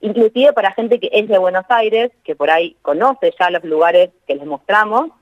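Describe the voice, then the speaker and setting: A woman's voice: medium pitch, normal speed, dry recording. A woman with a Rioplatense Spanish accent, a journalist calling in from home over a bad phone connection, chatting with many hesitations and restarts. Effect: bad phone connection that cuts out. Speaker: journalist and tour co-creator, radio guest. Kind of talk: casual interview over the phone. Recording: muffled lo-fi phone line.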